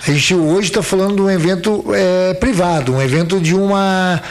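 Brief: man, fairly high voice, organizer guest on a radio show, rambling and restarting. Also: moderate pace. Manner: rambling, repeats words, many fillers. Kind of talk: casual radio interview.

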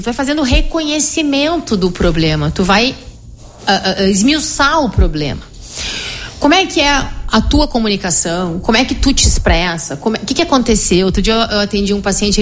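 A middle-aged woman psychologist, explaining her method in an animated conversational interview, often tagging her sentences with "né?". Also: on the high side. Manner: explanatory, animated, frequent "né?" tag questions.

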